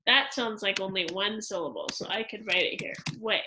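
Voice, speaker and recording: A woman teacher walking second graders through a worksheet in a slow, patient lesson, explaining each step aloud. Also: mid-range voice, noisy background. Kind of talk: instructional screen-recorded lesson.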